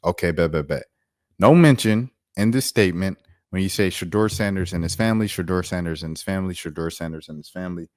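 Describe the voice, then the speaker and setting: An American man with a low, darkish voice rattles off a casual, opinionated sports rant at a quick clip, slangy, incredulous and emphatic, repeating himself for effect. He's a sports commentator and show host, captured in a dry, studio-quality recording.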